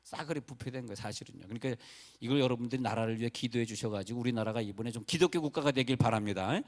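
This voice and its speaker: Male pastor, chatty sermon, rambling asides, from North Korea, casual preaching tone. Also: medium pitch.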